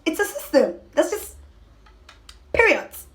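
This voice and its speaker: With an extremely high-pitched voice and a slow pace, a young woman vlogs a mukbang, chatting casually to camera. Her delivery is emphatic and animated, often breaking off mid-thought.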